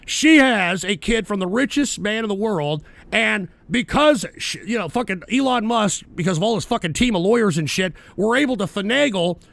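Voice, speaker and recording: A man's voice: sits high, lively intonation, normal speed, gravelly, hardly any pauses, a bit bright, dry recording. A man hosting a political talk show, ranting angrily and sarcastically with heavy profanity. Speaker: political commentary host.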